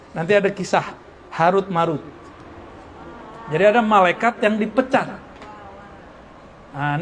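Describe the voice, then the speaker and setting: A man with a high voice gives an Islamic lecture in relaxed style speech. He is lively and jokes with his listeners, often breaking into laughter. Faint background noise sits under his voice. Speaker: preacher. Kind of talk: religious study lecture. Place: Islamic boarding school gathering.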